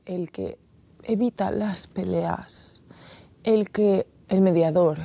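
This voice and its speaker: A woman's voice: lowish voice, slow pace, gravelly, dark tone, husky. A woman, a reality-show contestant, talking bluntly and with irony about events in the house. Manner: blunt, ironic. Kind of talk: casual talk to camera.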